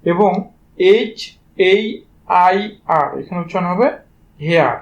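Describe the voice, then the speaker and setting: A man's voice: high-pitched, unhurried, highs cut off. A man with a Bangladeshi Bengali accent teaching English pronunciation, spelling each word out letter by letter and speaking informally to his students. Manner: spells words letter by letter before saying them; addresses students directly and informally. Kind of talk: spelling-based pronunciation lesson.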